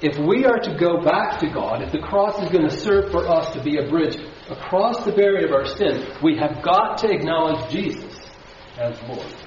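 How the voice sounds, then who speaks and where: A man's voice: a little high, animated, normal speed, hardly any pauses, a little hiss or hum. A man preaching a sermon as pastor to a congregation, asking them questions and building emphasis. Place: church sanctuary. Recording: dull, very echoey hall from far off.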